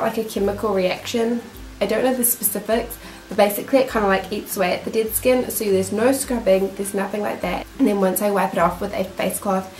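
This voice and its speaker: A young woman with a New Zealand accent chats enthusiastically about her skincare products as a beauty vlogger, her mid-range voice darkish and nasal from a cold. She's seated facing a camera in a small indoor room that gives the audio a noticeable, roomy echo.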